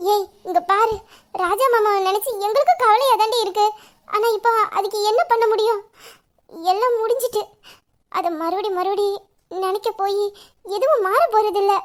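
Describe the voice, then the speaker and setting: A woman voicing an older sister who scolds and consoles a grieving girl in a caring, persuasive way, as in a fan audio drama. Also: very high voice.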